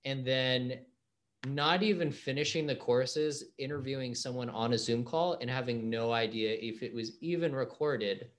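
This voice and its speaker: A man's voice: mid-range voice, moderate pace. A man hosting a podcast in a casual interview chat, laid-back and slangy, laughing easily. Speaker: podcast host.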